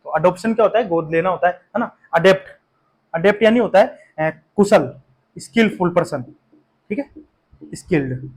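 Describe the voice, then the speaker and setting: A man's voice: sits high, normal speed, pauses often. A man teaching English vocabulary for an exam, explaining in a patient, repetitive way with frequent fillers and check-in questions, and an Indian English accent. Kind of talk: exam-prep vocabulary lesson.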